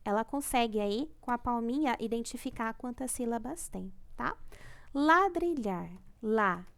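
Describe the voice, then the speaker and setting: Going over homework in a recorded lesson, this young Brazilian Portuguese-accented primary teacher talks at a normal speed in a voice on the high side, with vocal fry. She's patient, stretches her syllables, and keeps closing phrases with "tá?".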